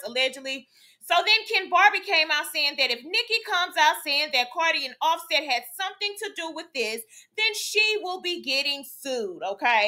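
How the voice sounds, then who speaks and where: A woman runs a chatty celebrity gossip vlog in a high, bright voice. She talks to her viewers like friends, calling them y'all and child and ending her points with "okay?". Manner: tags lines with "okay?". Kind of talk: casual gossip commentary.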